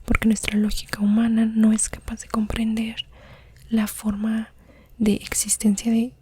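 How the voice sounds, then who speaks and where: Woman whispering under her breath, asmr podcast monologue, mellow and pretty flat, bit of background noise. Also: fairly high pitch, a little slow, slightly rough. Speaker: podcast host.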